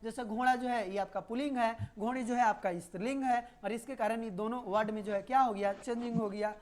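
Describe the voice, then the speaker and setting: A woman's voice: a little high, fairly even intonation, fast, a little mellow. Hindi teacher woman. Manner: explains with memory stories and repeats key words. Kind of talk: live online class lesson.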